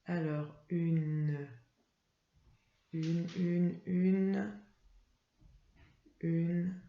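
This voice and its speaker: A woman's voice: fairly low pitch, little pitch movement, very slow, mellow. A woman teacher giving a reading lesson to young children, patiently spelling out letters and sounds. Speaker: primary school teacher. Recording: roomy, slightly dull sound.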